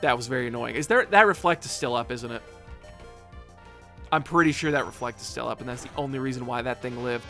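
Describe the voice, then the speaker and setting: A man's voice: medium pitch, quick pace, fairly bright tone, faint music behind. A man giving casual, rambling commentary on a video game as he plays, full of fillers and jokes. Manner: rambling, filler-heavy and joking. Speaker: video game let's player.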